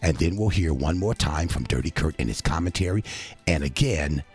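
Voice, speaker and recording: A man's voice: extremely low pitch, lively intonation, moderate pace, husky, faint music behind. A man hosting a comic radio call-in show, boisterous and wisecracking. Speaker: radio host.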